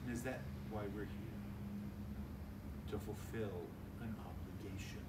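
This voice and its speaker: Very noisy audio carries a lowish, fairly even male voice speaking a little slowly. An older priest is giving a conversational homily, acting out little dialogues, at a lectern in a large church hall, using a stand mic and filmed from a distance.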